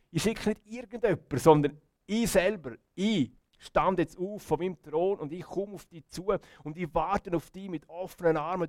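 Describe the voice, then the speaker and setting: An eager, loving Jesus throwing open his arms to a newcomer in heaven, as a Swiss German preacher puts him on. The voice sits high and carries, with emphatic repeated promises. It is close and dry, with no room sound. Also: no echo, close to an everyday voice. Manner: emphatic, repeating himself, raised and louder.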